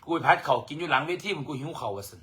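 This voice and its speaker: Husky-voiced Isan Thai man bickering on a live stream. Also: a little high, racing, bright, forceful tone. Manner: teasing, protesting, addresses viewers as brothers and sisters.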